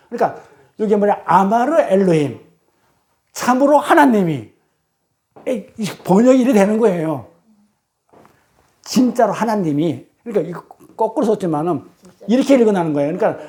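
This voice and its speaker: A woman preacher giving a teaching sermon at a church service. She keeps quizzing the congregation with rhetorical questions and reads scripture and transliterated Hebrew slowly and deliberately. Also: lowish voice, warm tone.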